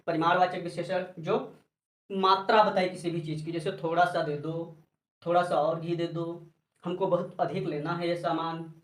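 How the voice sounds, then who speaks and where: A man teaching a grammar lesson, asking questions and answering them himself, and calling his students child and brother. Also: high voice. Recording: echoey room, voice far from mic.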